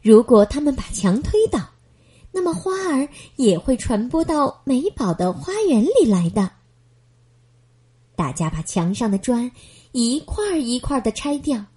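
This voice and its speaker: A woman reading a children's bedtime story aloud in a gentle, expressive manner. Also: fairly high pitch, a little slow, husky.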